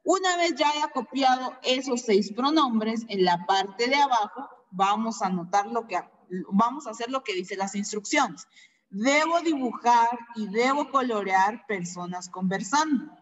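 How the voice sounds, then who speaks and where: Woman teacher, slow repeat-after-me drilling, long echo. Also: fairly high pitch, expressive. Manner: slow, repeats each word for pupils. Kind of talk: online class teaching.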